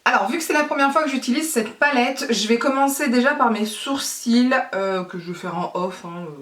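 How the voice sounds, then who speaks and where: A woman's voice: on the high side, brisk, fairly bright tone. Chatty woman in a roomy echo. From France. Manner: chatty, hesitant, many fillers. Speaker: beauty vlogger. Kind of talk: casual makeup tutorial. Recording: roomy echo, distant mic.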